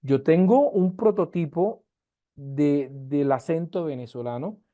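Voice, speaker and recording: Over a video call, this man, a university lecturer from Colombia's Caribbean coast who carries its accent, teaches emphatically and poses plenty of rhetorical questions. He takes his time in a fairly high voice, and the sound is phone-quality.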